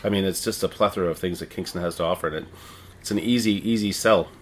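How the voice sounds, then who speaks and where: A middle-aged man with a Canadian accent answers interview questions conversationally, in a halting, rambling way with repeated words. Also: low voice. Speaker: interviewee, town crier and visitor services manager.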